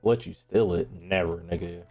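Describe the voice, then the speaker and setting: This gamer's voice sits low and dark, holding a steady tone at normal speed as he banters with his stream viewers. He swears freely and leans on slang, and game music and sound effects play behind him.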